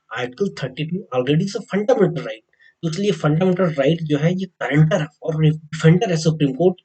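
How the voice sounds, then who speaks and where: An Indian man giving an exam coaching lecture, mixing Hindi with slowly read English legal text and often repeating key points to the viewers. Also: fairly high pitch, warm tone, slightly rough, poor audio. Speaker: teacher.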